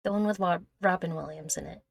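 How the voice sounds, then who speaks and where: A young woman, a content creator, rambles and giggles through viewer questions in a casual Q&A, making fun of herself close to the mic. Her voice is lowish, quick and gravelly, and the recording is dry.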